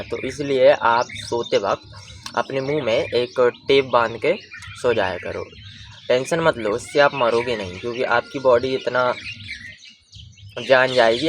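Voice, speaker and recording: A young man coaching viewers through breathing and voice exercises in a relaxed, conversational lesson. He explains step by step and keeps checking that listeners follow him. His pitch sits in an ordinary middle range, with faint birdsong in the background. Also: slight background noise. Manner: explains patiently and asks listeners to follow along. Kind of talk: casual spoken tutorial.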